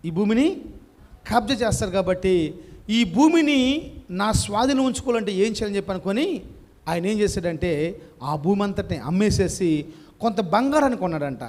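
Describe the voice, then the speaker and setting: A man's voice: sits high, lively intonation, normal speed, pauses often, darkish tone. A male preacher, telling a parable in a sermon and putting questions to the congregation.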